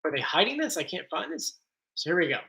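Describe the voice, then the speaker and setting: A man hosting a casual live stream, chatty and excitable, reading chat comments aloud. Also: sits high, fast, gravelly, background noise. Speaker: host.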